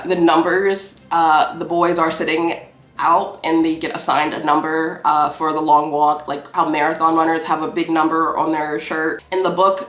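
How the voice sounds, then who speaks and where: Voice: medium pitch, fairly bright tone, roomy sound. A film reviewer talking casually about a movie, rambling, cursing and playfully petty.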